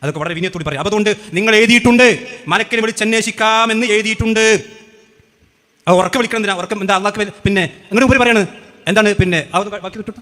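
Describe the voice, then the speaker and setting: Rapid, bright-voiced sarcastic man. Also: high voice. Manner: sarcastic, mocking, rapid-fire questions. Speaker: religious speaker. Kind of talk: heated rebuttal speech. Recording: echoey hall with long reverb.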